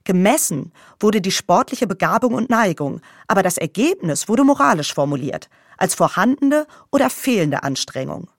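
A woman's voice: medium pitch, very animated, moderate pace, hardly any pauses, dry recording, clean studio sound. A woman playing an indignant, wounded narrator in a scripted radio essay, given to rants that build from reflection to outrage. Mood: agitated, indignant. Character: indignant grown woman still wounded by school sports. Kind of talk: scripted first-person radio essay with dramatic dialogue.

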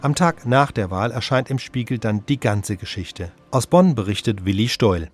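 A man's voice: fairly low pitch, expressive, moderate pace, soft background music. A male news presenter reading formal scripted news narration in an archival radio broadcast. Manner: formal, announcing.

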